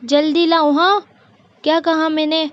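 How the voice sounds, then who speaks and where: A woman voicing a bossy, scolding middle-aged mother-in-law in a cartoon, with a sharp, commanding way of talking. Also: sits high, level tone, unhurried, dry recording, voice pushed up. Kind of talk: cartoon voice acting. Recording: dull lo-fi recording.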